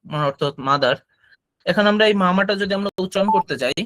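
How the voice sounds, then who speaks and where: A man leads a classroom lesson on Chinese tones. His voice sits a little high for a man, and he explains patiently, saying syllables aloud for the students to copy. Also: quick pace, fairly bright tone. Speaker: Chinese language teacher.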